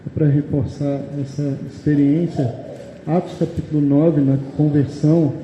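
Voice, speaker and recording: A man's voice: a little high, level tone, normal speed, warm tone, dull audio. A man with a Brazilian Portuguese accent preaching a sermon in a church meeting, reading verses aloud and explaining them, often asking the congregation "amém?". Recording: echoey hall, long reverb, faint background noise.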